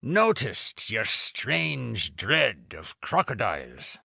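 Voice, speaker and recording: Woman doing a dopey pirate sidekick, slow, gravelly, bright dry sound. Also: a bass voice, sing-song, dry recording, pitched below the performer's own voice, exaggerated voice. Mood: plodding. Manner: slow, plodding, simple-minded. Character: dim, loyal pirate boatswain, adult man.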